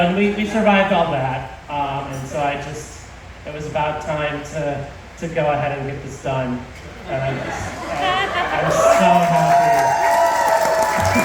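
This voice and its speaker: A man giving an informal wedding toast as the groom, speaking haltingly to his guests. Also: on the high side. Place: large reverberant venue with guests. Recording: echoey hall from far off, noisy crowd.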